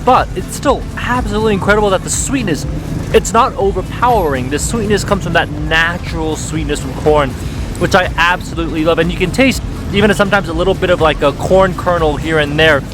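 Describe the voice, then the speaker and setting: A man's voice: high-pitched, brisk, music in the background, poor audio. A man vlogging a casual food review, rapturous as he tastes, speaking emphatically with repeated intensifiers. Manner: rapturous, savoring food tasting reactions. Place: busy market and eateries.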